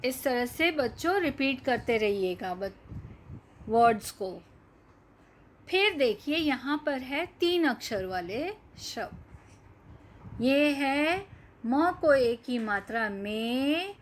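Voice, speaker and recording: A woman teaching young children to read, speaking at a very slow, deliberate pace. Her voice sits fairly high. She draws out each word and repeats questions for the class. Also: animated. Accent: Hindi. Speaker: primary school teacher. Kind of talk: children's reading lesson.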